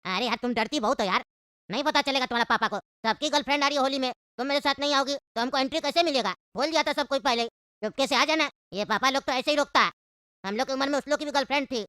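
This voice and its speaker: A woman's voice: high voice, fast, sharp tone, no echo, clean studio sound. Woman voicing a cheeky young cartoon guy. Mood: coaxing. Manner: coaxing, teasing. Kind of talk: cartoon voice acting.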